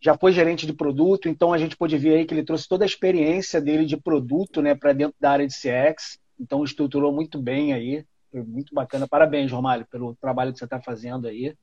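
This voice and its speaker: A man with a Brazilian Portuguese accent and a fairly high voice hosts a casual live talk. He is chatty and slangy. The sound is slightly dull and lo-fi, as on a video call. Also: fairly even intonation, quick pace, hardly any pauses, a little mellow, husky, no room sound. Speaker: host of an online product management talk show. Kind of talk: casual live interview hosting. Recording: dull, lo-fi online call audio.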